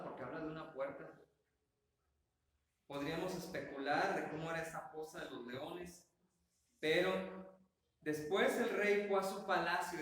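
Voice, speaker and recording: A man's voice: a little high, fairly bright tone. A man preaching a sermon, talking conversationally with rhetorical questions and acting out scenes as he goes. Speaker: pastor. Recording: very echoey church hall, faint noise.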